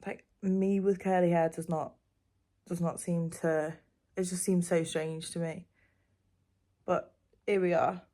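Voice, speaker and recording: A woman's voice: lowish voice, little pitch movement, measured pace, pauses often, dark tone. A young woman with a Liverpool accent, chatting casually at home as a vlogger, rambling with lots of "um" and "like". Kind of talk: casual chat to camera.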